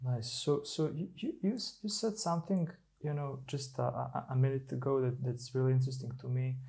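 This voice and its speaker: Gravelly podcast host, halting speech. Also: male voice, mid-range voice, warm tone. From Serbia. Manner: halting, many restarts. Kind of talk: casual interview talk.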